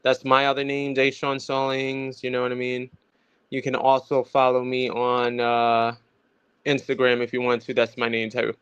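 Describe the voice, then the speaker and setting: A man's voice: medium pitch, completely flat delivery, moderate pace, fairly bright tone, clear, resonant tone, dry recording, highs cut off. A man chatting casually as a guest on a panel. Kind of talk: casual chat.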